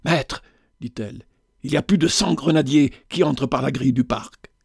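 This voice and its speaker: Storybook: man reading frightened old servant woman, hushed, dry. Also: mid-range voice, normal speed, gravelly, slightly rough, no room sound. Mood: alarmed. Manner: breathless with fear.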